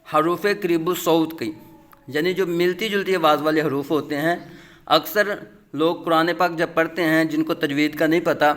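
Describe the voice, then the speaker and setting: Male Quran teacher with a Pakistani Urdu accent. High, bright voice; stretches letters out slowly, then explains quickly. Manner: drawn-out sung letter names, then quick plain explanations. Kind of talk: slow spelled-out tajweed lesson.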